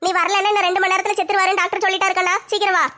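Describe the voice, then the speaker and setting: Pushy mother, high and bright, played by a woman. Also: flat delivery, very fast. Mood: urgent. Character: wheedling mother on the phone.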